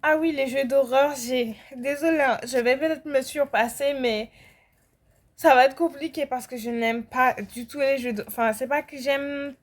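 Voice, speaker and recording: A young woman with a French accent chats casually as she plays, her voice sitting high. She rambles through fillers and restarts and breaks into sudden outbursts. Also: steady tone, normal speed. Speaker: gaming vlogger. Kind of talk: casual chat while playing.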